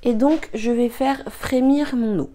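On the high side and unhurried, her warm voice carries a little hiss or hum. She's a young woman who vlogs about cooking and beauty, talking casually through a recipe at her home kitchen with plenty of fillers, frequent apologies, hesitation, and a touch of tiredness.

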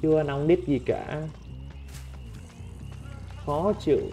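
Brief: male gameplay commentator, slow-spoken but excitable, game music loud underneath. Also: fairly high pitch. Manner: excitable, talks and swears at on-screen opponents. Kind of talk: let's play commentary. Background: game music and sound effects.

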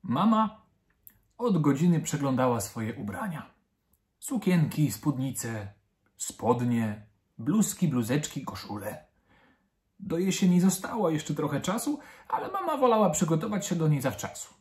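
Brief: male actor narrating a bedtime tale, lively melody, slow delivery. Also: on the high side. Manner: expressive, gentle storytelling. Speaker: actor reading to children. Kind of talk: children's story narration.

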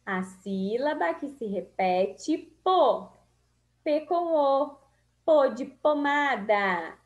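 With a high-pitched, animated voice and a Brazilian Portuguese accent, a Brazilian primary school teacher slowly works through a children's spelling lesson syllable by syllable. She draws out every word in a sing-song manner for small children, and the audio is dull.

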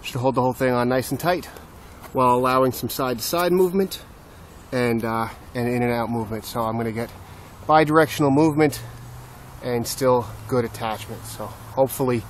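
A man's voice: medium pitch, a little fast, a little hiss or hum. A man casually explaining his building work step by step, with a self-deprecating streak. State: slightly out of breath. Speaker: DIY builder. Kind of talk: casual how-to narration.

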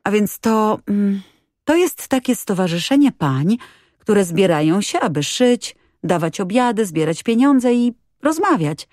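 A woman's voice: medium pitch, very animated, a little slow, darkish tone, dry recording, studio quality, voice pushed up. A woman reading an audiobook, voicing a cheerful, chatty little girl who talks eagerly.

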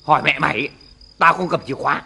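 An actor playing a hot-tempered gambling village father who scolds and shouts at his son, in an old film. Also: on the high side, quick pace, vocal fry, slight background noise, heavily acted. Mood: impatient.

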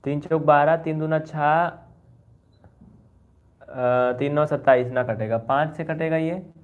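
A man's voice: fairly high pitch, slow. A man gives a chatty online maths lesson. He scolds his students a little and goes over each step again. The sound is thin and phone-like. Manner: chatty, scolding and repeating steps. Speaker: maths teacher.

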